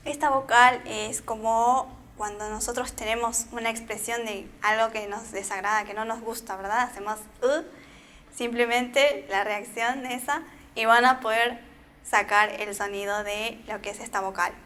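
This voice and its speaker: A woman teaching a beginner language class with an Argentine accent, drilling syllables slowly and checking in with her students after each step. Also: fairly high pitch, fairly even intonation, a bit bright, slight background noise. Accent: Argentine Spanish. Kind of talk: slow, patient beginner language lesson.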